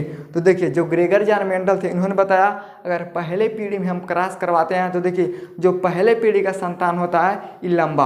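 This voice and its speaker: A man teaching a biology lesson at a board in a folksy, repeating key words back as questions. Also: a little high. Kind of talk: blackboard lesson.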